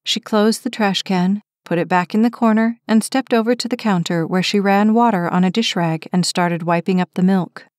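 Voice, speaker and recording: A woman narrates a romance audiobook in a steady, measured voice. Her pitch sits in the middle. The close mic gives a dry sound. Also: dry recording. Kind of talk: scripted narration.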